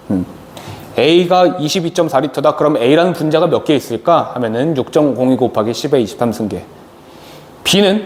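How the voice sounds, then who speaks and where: This chemistry lecturer's voice is fairly high with a darkish tone, and he asks questions only to answer them himself. Long reverb and faint noise color the recording.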